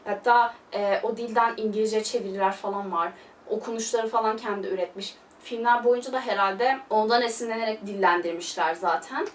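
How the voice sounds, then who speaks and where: A woman's voice: mid-range voice, fairly quick. A young woman chatting through a casual film review, gushing and loose, full of fillers. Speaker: film vlogger. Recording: roomy, distant mic, faint hiss.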